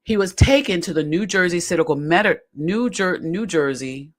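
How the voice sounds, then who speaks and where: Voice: mid-range voice, animated, moderate pace. A podcast host giving casual commentary while reading aloud from a web page, chatty and folksy, often stumbling over the words.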